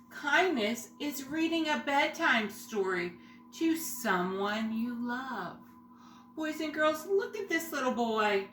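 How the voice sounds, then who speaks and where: A woman's voice: medium pitch, sharp tone. A woman teaching young children, reading aloud and talking to them in simple phrases and questions. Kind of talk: singing greeting and read-aloud lesson for young children. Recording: roomy echo, faint background noise.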